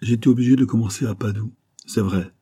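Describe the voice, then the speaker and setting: A man's voice: lowish voice, fairly even intonation, fast talker, mellow, slightly rough. A man voicing a lovesick young abbé who speaks in a plaintive, pleading tone. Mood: whining.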